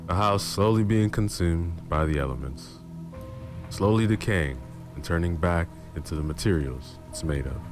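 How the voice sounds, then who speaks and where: A man narrating horror stories in a calm, low-key reading style. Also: moderate pace, over music. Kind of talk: scripted story narration.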